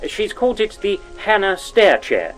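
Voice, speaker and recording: A man's voice: high voice, sing-song, normal speed, soft background music. A man playing a pompous, lecherous male radio presenter from the 1940s, in a plummy old-time radio style.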